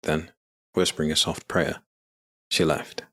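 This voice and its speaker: Deep-voiced male audiobook narrator. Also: level tone, measured pace, a bit bright. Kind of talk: scripted narration.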